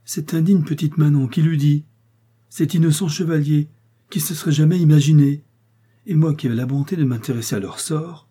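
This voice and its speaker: A man's voice: on the low side, fairly quick, few pauses, mellow, breathy edge. A man voicing a spirited aristocratic lady in an audiobook, with exclamatory, theatrical indignation. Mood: indignant.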